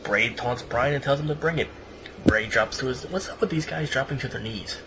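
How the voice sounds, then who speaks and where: A man with a mid-range voice hosts a casual podcast, moving at a brisk pace as he reads a match report and tosses in wry asides. The amateur recording picks up a lot of noise.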